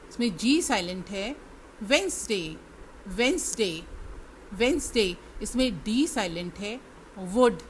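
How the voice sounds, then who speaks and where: An Indian woman with a sharp, mid-range voice teaches English, spelling words aloud letter by letter and repeating each one. She talks directly to her students during the classroom lesson, with a little hiss or hum in the recording.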